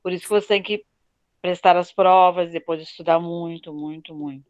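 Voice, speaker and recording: A woman teaching Portuguese to foreign learners on a video call, patiently repeating words slowly to model pronunciation. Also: fairly low pitch, fairly even intonation, smooth, highs cut off. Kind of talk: online class explanation.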